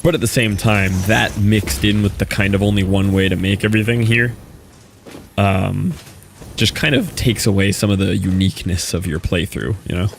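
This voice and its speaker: A young man chats his way through a live game stream in a low, gravelly voice. He rambles in a laid-back way, filling gaps with "like" and "you know." A faint hiss sits under the recording. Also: steady tone, normal speed. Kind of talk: casual live-stream commentary while playing.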